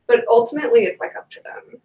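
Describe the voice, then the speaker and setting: A young woman with a fairly high voice shares her work experience with her study group, chatty and full of fillers. Her voice comes from some distance away in an echoey room. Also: fast, muffled recording. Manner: chatty, laughs easily, many fillers. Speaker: student. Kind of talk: casual group discussion.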